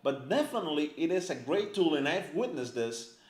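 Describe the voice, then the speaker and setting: Filmed by a camera operator indoors, a lively, chatty man teaches a language in a casual lesson to camera, and the room sounds echoey. His voice is on the high side and fairly quick, packed with fillers such as "right?" and "like".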